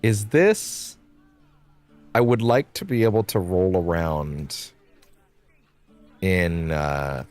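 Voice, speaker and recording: Casting: male streamer, deep-pitched, informal and unscripted, game music underneath. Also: lively intonation, slow pace, pauses often, a little mellow. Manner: informal, sweary, thinking aloud. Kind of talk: casual live gameplay commentary.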